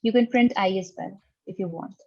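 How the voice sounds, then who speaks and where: A woman interviewer speaks patiently and reassuringly in a formal but conversational way. Her voice is slightly breathy and rough, heard dry through dull online call audio. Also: medium pitch, brisk, dark tone, no room sound. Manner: reassuring, patient, tentative phrasing. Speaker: technical interviewer. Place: online video call with screen sharing.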